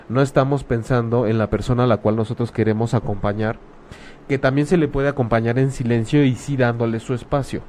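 A man's voice: mid-range voice, darkish tone. A man with a Mexican Spanish accent, talking casually and frankly as a host, using slang and acting out quoted remarks. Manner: frank, blunt, uses slang, acts out quoted speech. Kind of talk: casual conversational advice talk.

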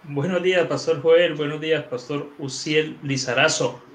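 A man's voice: fairly high pitch, fairly even intonation, normal speed, slight background noise. A male guest pastor giving engaging, sermon-like teaching, putting questions to the listeners. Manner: engaging, asks the audience questions.

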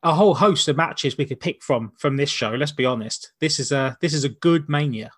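A man with a fairly high voice hosts a casual watch-along. He talks in a loose, rambling way, circling back to rephrase his points. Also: fairly quick, fairly bright tone, husky. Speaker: podcast host.

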